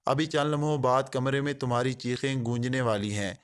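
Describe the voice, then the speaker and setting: A man's voice: medium pitch, little pitch movement, lightly acted. A man reading as a sneering gang boss. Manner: sneering, sarcastic, harsh. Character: short, arrogant male gang boss, sneering and harsh.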